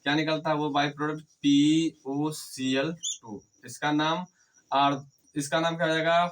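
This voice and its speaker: A man's voice: a little high, little pitch movement, brisk, a bit bright, distant mic, a little hiss or hum, low-quality recording. A man teaching a chemistry lecture. He asks questions and answers them himself, repeats key terms, and speaks to his students fondly and with encouragement. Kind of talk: whiteboard lecture.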